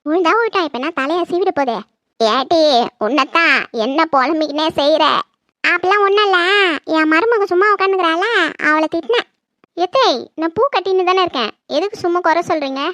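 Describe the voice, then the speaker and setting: A performer playing a sharp-tongued older village mother-in-law who nags and scolds her daughter-in-law in a comedy skit. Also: a little fast, dry recording. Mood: scolding. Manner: nagging, shrill scolding.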